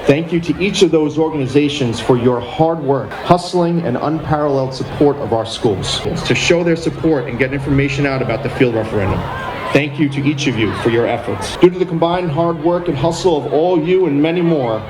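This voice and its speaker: A man giving a formal podium speech as a school board president at an outdoor ceremony, measured and deliberately emphatic. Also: fairly high pitch. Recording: noisy outdoor public-address recording.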